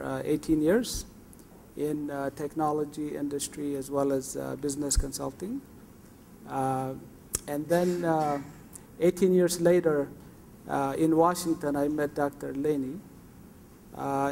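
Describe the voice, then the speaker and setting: A man's voice: on the high side, creaky, a little mellow, slight background noise. A man from Ethiopia introducing himself on a conference panel, speaking hesitantly with many filler sounds. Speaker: panelist, exchange executive.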